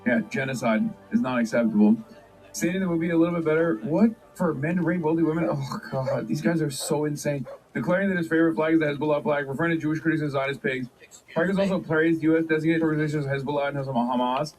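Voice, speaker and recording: A man's voice: fairly high pitch, fast talker, darkish tone, faint music behind, poor audio. A man streaming and reacting to news clips, talking sarcastically and in disbelief, often rambling.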